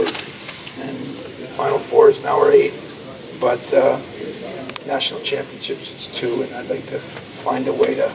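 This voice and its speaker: A man's voice: medium pitch, creaky, distant mic. A man in his sixties, a college basketball coach, answering reporters in a crowded post-game press scrum outside a locker room, with an emphatic, anecdotal way of talking. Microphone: cluster of reporters' handheld mics at close range. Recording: noisy hallway, mic a step away.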